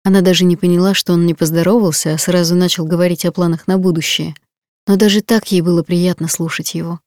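Low-voiced woman narrating an audiobook. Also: fairly even intonation, fast, darkish tone, no echo, clean studio sound.

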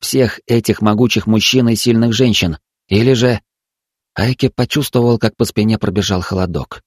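A man narrating a story in a steady, even storytelling manner. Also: on the low side, moderate pace, no echo, studio quality. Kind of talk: audiobook narration.

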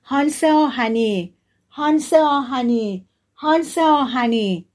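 A woman's voice: fairly low pitch, expressive, a little mellow, breathy edge. A woman reading the lines of a brave young gardener's boy in an audiobook fairy tale, earnest and plainspoken. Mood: shouting.

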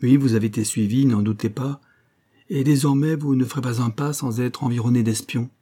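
A man reading an audiobook, voicing a cordial, worried gentleman who speaks heartily and gravely. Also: medium pitch, steady tone, a little fast, lightly acted.

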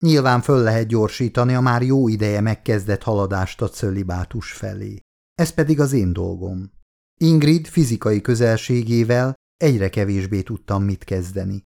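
Low-voiced man narrating a novel. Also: creaky, darkish tone. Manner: measured, subdued, introspective. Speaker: audiobook narrator. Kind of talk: first-person literary audiobook narration.

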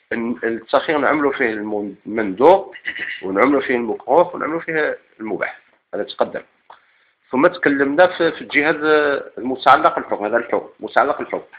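Fast-talking Moroccan teacher, muffled recording. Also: male voice, mid-range voice, expressive. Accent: Moroccan Arabic. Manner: recapping in short listed phrases, with restarts. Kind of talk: recap of an Islamic legal theory lesson.

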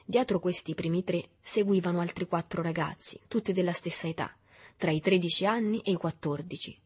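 A woman reading a literary novel aloud in a measured, even storytelling manner. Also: lowish voice, slightly rough. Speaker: audiobook reader. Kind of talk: literary audiobook narration.

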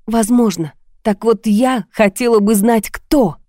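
A woman's voice: fairly high pitch, unhurried, warm tone, dry recording, clean studio sound, voice pushed up, lightly acted. A woman reading as a weary young widow. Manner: tired, restrained. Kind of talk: audiobook reading.

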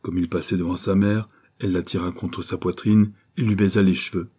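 A man reading a novel aloud in steady, scripted narration. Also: low voice, fairly quick, slightly rough. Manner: steady storytelling. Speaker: audiobook reader.

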